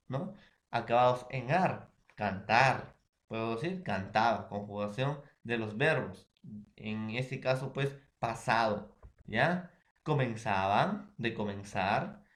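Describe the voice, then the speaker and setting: Peruvian man teaching in an echoey room. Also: medium pitch. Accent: Peruvian Spanish. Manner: repetitive, checks in with the class often. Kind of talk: classroom spelling lesson.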